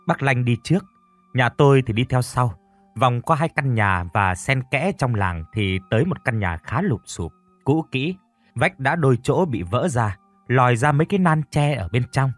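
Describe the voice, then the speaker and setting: A man's voice: medium pitch, dry recording. Man reading a story, dry close sound. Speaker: narrator.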